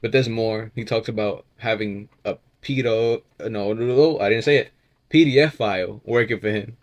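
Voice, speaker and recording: A man's voice: lowish voice, moderate pace. Blunt, profane man reacting. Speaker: reaction video host.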